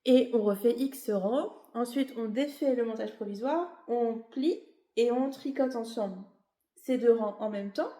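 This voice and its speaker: Unhurried and dark in tone, a slightly high female voice rings through an echoey room. Sniffling from a cold and a little tired, the knitting vlogger explains her work in a casual, wandering show-and-tell thick with fillers and self-corrections.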